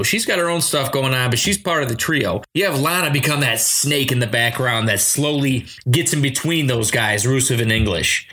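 A man's voice: mid-range voice, pushed and bright. A man co-hosting a podcast, teasing his partner and giving playful, confident wrestling picks in casual chat. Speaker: podcast co-host.

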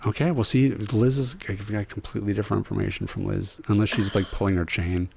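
A man's voice: lowish voice, fairly even intonation, fast, vocal fry, darkish tone, breathy edge. Laid-back joking podcast host, a man. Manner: joking, rambling with frequent laughs. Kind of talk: casual podcast banter.

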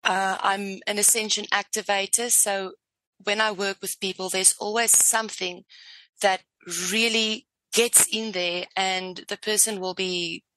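A South African woman, a native Afrikaans speaker with a South African accent, appears as a spiritual life coach guest on an interview podcast. Her mid-range voice is level yet bright and forceful, a little slow, and she's effusive and enthusiastic while searching for words. The audio is poor, though with no echo.

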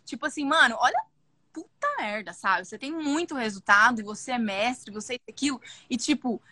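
A young woman, talking in a casual podcast conversation. Her high, bright voice comes out loud and intense, often close to shouting. The sound is close and dry. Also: a little fast, no room sound. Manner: loud, intense and expressive, talks animatedly. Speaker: podcast guest.

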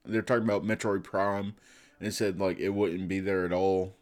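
Male host, lowish voice, informal gaming talk, leans heavily on "like" as a filler. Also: fairly even intonation, moderate pace. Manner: says "like" and "I'm like" very often. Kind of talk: casual chat about gaming news.

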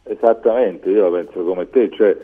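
A man's voice: deep voice, moderate pace, breathy edge, narrow, tinny audio. A man giving discursive, explanatory football commentary as a pundit on a live radio talk show.

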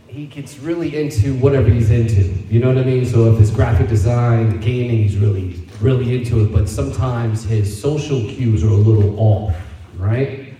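A man's voice: medium pitch, very echoey. A middle-aged man doing a stand-up comedy set, telling loose, profane stories and laughing often. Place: live comedy venue with audience. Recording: distant room recording with loud crowd. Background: audience laughter and applause.

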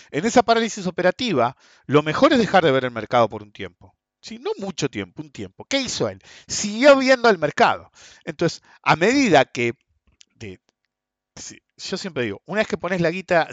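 A man with an Argentine accent gives an informal trading lesson, telling stories in a slangy way and often clearing his throat. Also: a little high, no echo, dull audio. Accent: Argentine Spanish. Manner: animated storytelling, frequent throat clearing, slangy asides. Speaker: trading instructor. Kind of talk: informal seminar talk on trading psychology.

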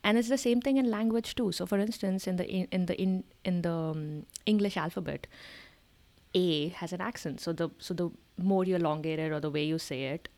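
A woman's voice: on the low side, brisk, a little mellow. A woman in a casual discussion, explaining things and often checking that the listener follows.

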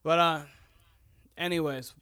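A man's voice: a little high, steady tone, slow, sharp tone, clear, resonant tone. A man who is a guest on a podcast, talking casually and laid-back, with lots of "uh" and "like". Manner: laid-back, fills his talk with "uh" and "like". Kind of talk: casual sports podcast chat.

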